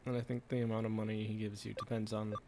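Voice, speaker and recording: A man's voice: on the low side, flat delivery, fast talker, noisy background. A man doing casual game stream commentary, rambling and thinking aloud as he plays. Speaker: streamer playing a video game. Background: game music.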